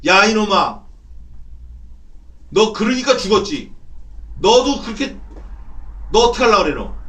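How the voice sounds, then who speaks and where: A man's voice: a little high, normal speed, natural voice. A man voicing a mocking male enemy who taunts a believer, in a sermon, recorded from a distance. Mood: jeering.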